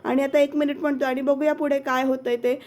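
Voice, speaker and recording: A woman's voice: sits high, little pitch movement, brisk, a little mellow. A woman reviewing a TV serial episode, retelling the scenes and quoting the characters' lines while she speaks directly to her viewers.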